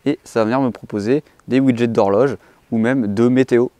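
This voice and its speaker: Fast-talking casual man, dry sound. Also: mid-range voice, fairly even intonation, warm tone, no echo. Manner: chatty, addresses the viewer directly. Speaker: tech reviewer. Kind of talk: casual product review to camera.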